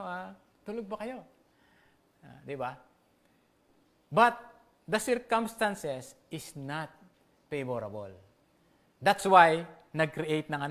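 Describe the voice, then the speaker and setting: High-voiced Filipino pastor preaching. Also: male voice, fairly bright tone. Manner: conversational, checks in with the listeners often; slows down to read scripture aloud. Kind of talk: sermon mixing Tagalog and English.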